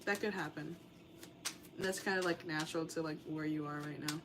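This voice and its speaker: A woman's voice: low voice, steady tone, moderate pace, noisy background. A young woman giving a casual tarot reading in a rambling, meandering way, full of fillers. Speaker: tarot reader.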